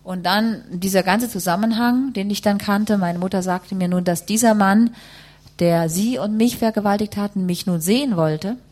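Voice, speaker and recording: A woman interprets a testimony live, rendering it phrase by phrase and rewording as she goes. Her voice is medium in pitch and darkish in tone, at a moderate pace.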